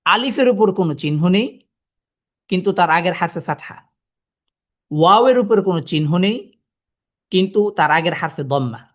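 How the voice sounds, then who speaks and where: A man's voice: high voice, animated, fairly quick, pauses often. A man teaching a Quran reading class, explaining step by step and sounding out letters to demonstrate. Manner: explains step by step, asking the listeners rhetorical questions. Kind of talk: classroom lesson.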